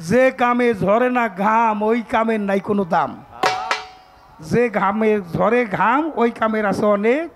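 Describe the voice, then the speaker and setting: A man's voice: high voice, unhurried, over music. A man leading a folk song debate, preaching in a rhythmic sermon-like way and breaking into song. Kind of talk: Bengali pala gaan debate, preaching and singing.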